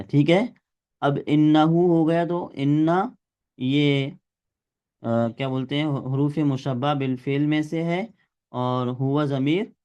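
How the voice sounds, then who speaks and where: A man's voice: mid-range voice, dark tone. A male teacher giving a classroom grammar lesson, explaining step by step and quizzing his students.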